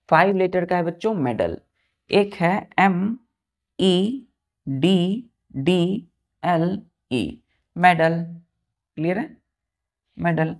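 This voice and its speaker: A woman with a lowish voice teaches an exam-prep vocabulary lesson at an unhurried pace. She spells each word letter by letter and repeats its meaning patiently, quizzing her pupils as she goes. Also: darkish tone. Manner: spells words letter by letter and asks pupils questions.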